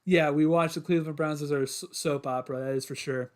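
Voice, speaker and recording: Young man hosting a sports podcast, voice going hoarse. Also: a little high, fairly even intonation, fast talker. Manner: rambling, filler-heavy, restarts often. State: voice getting hoarse. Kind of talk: casual solo sports podcast.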